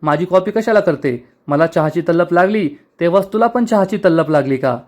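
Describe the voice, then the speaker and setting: Bossy older mother-in-law yelling threats, kinda high, a guy doing her voice. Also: lively intonation, fairly quick. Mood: furious. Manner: scolding, threatening.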